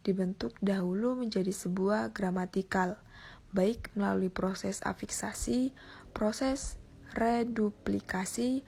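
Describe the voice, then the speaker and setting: A young woman reads her class presentation aloud from notes, keeping a steady pace and sometimes restarting a word. Her voice is husky and breathy, with a gravelly creak at the ends of phrases. She sounds like a university student presenting coursework. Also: mid-range voice. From Indonesia. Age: young adult.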